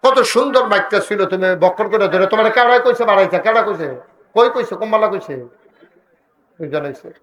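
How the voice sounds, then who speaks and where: Preacher guy, high voice, chanty call and response sermon. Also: animated, a bit bright, low-quality recording. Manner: scolds the mic operator in quick asides. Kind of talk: sermon at a religious gathering.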